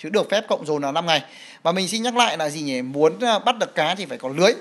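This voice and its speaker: A man's voice: a little high, animated, quick pace. A man walking through a mobile game feature in casual talk, with many fillers, repeated words and frequent "right?" checks. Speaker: game guide presenter. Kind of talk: casual gameplay walkthrough.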